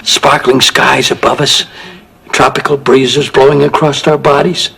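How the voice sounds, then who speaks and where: Sitcom role: dreamy male romantic schemer, extremely husky and gravelly. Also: mid-range voice, little pitch movement, measured pace, a bit bright, heavily acted, rough recording. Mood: seductive.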